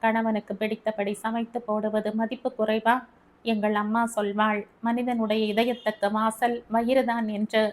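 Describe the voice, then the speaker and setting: A woman reading an audiobook story, voicing a gentle, patient young wife who speaks softly and calmly to her husband. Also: fairly high pitch, moderate pace, close to an everyday voice. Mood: gentle, pleading. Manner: soft, calm and pleading.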